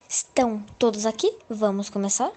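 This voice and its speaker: A woman's voice: medium pitch, moderate pace, background noise, close to an everyday voice. A woman playing a commanding, showy child who leads a horror club in a children's audio drama.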